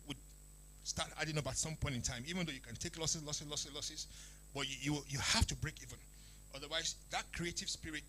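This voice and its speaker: A man with a fairly high voice speaks as a presenter at a talk. He explains his points emphatically, often repeating a phrase to drive it home. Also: pushed and bright, a little hiss or hum, poor audio. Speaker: speaker, media business expert.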